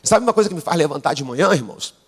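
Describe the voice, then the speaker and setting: A man preaching a sermon in a church with a Brazilian Portuguese accent, unwell but pushing on, calling on the congregation to repeat his words and rising from low asides to shouted peaks. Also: lively intonation, rapid-fire, slightly rough. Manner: call-and-response preaching, prompting the congregation to repeat. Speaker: pastor. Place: church sanctuary. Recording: live church sound with long hall reverb.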